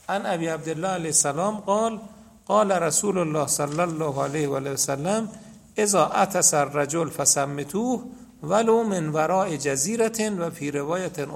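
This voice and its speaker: A man's voice: a little high, vocal fry. A man teaching a seminary class on hadith, reciting Arabic narrator chains and explaining them step by step to his students. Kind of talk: hadith lesson.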